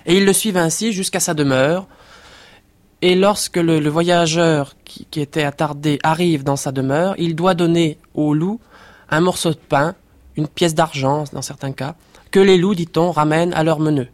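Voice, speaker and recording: A man who collected oral tales, explaining a rural tradition in a measured way. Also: on the high side. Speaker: folklore collector.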